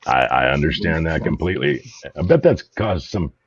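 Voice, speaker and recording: A man's voice: extremely low pitch, animated, normal speed, slightly rough, no room sound, muffled recording. A man hosting a casual interview, laid-back and slangy, reacting with enthusiasm. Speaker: show host.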